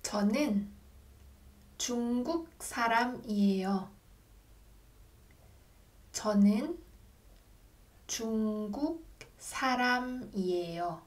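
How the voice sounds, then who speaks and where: A young woman leads a language lesson, pronouncing each phrase with great care. She speaks extremely slowly, with a slightly high voice. It sounds like a desk camera in a small room. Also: expressive. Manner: very slow, deliberate model phrases for repeating. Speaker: language teacher. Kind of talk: slow, clearly articulated lesson drills.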